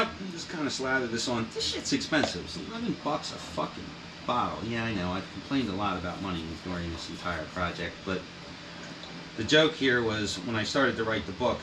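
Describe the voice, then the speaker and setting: A man with a lowish voice, lively intonation and brisk pace narrates his bookbinding at home as a hobbyist vlogger. He rambles, swears and makes self-deprecating jokes in a casual how-to. A blowing heater puts wind noise on the mic, and a printer runs in the background.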